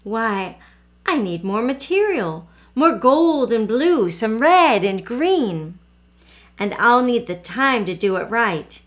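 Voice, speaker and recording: This reader takes on the part of a doting grandmother, slowly drawling her folksy words as she reflects proudly on her quilt. The voice comes across as older, gentle and unhurried, pitched a little high and swinging widely.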